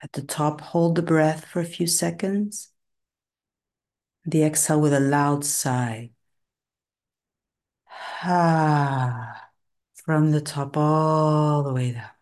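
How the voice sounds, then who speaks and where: A woman leads a relaxation and breathing session in a low, mellow voice. She speaks very slowly and soothingly, in short phrases with long pauses, and sometimes drops to a soft whisper. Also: steady tone. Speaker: meditation guide.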